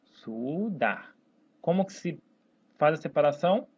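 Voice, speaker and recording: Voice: medium pitch, big pitch swings, normal speed, darkish tone, slightly rough. A teacher with a Brazilian accent giving a whiteboard grammar lesson. They stretch words out syllable by syllable and keep checking in with "né?" and "tá, pessoal?". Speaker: Portuguese teacher. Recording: dull lo-fi recording.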